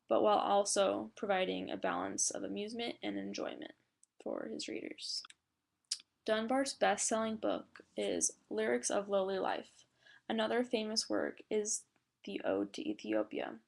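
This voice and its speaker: A woman's voice: medium pitch, vocal fry. A young woman reading a class presentation aloud from a script, with small slips and fillers. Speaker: student presenter.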